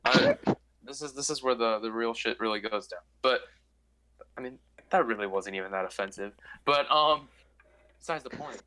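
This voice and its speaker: A man's voice: mid-range voice, normal speed, bright, forceful tone, low-quality recording. A man co-hosting a casual podcast, giving brash, rambling, joking advice to a friend. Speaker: podcast co-host. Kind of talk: casual chat among friends.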